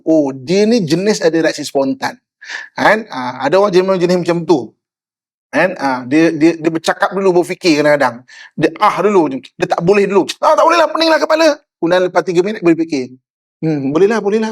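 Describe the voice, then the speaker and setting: A middle-aged man with a Malaysian Malay accent preaching a lively sermon, often asking "kan?" and acting out tones of voice. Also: high-pitched. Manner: animated, often asks "kan?", acts out tones of voice. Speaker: Islamic preacher. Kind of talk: lively sermon with acted examples.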